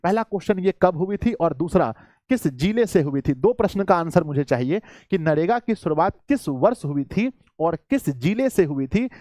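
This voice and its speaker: A man teaches a live online exam-prep class, urging his students along and repeating key answers. His voice sits fairly high for a man. The sound is close and dry, with no room around it. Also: animated, moderate pace, dark tone, no echo. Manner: coaxing, repetitive, addresses students as children.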